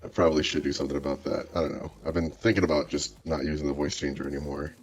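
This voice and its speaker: A man's voice: very deep voice, little pitch movement, racing. A man talking through a voice changer, rambling and thinking aloud in casual chat while he codes. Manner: rambling, hesitant, muttering to himself with many fillers. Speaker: streamer coding a website.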